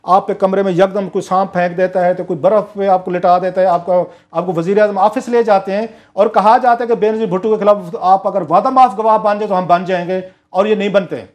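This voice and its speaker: A man's voice: sits high, fairly even intonation, a little fast, hardly any pauses. A man, giving emphatic, story-driven commentary as a political analyst on a talk show.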